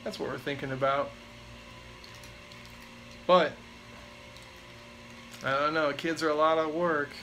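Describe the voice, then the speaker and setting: Man, twenties, fairly high voice, rambling casual chat, filler-heavy. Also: fairly even intonation, slow, long pauses, pushed and bright, a little hiss or hum, poor audio. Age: 20s. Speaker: vlogger answering live chat.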